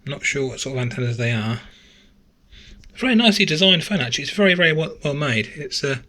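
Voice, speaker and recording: A man talks through a gadget teardown in a relaxed, chatty way. He thinks out loud and corrects himself mid-sentence. His voice is caught by a camera microphone at a desk indoors. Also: on the high side, quick pace. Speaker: gadget reviewer. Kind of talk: casual teardown tutorial.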